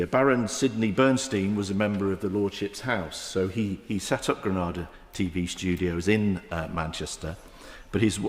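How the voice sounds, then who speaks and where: A member of the House of Lords in his fifties, an Englishman with a low voice and a Mancunian accent, gives a halting speech in a parliamentary debate, full of fillers and restarts. He's in a large debating chamber whose roomy acoustics add long, echoing reverb.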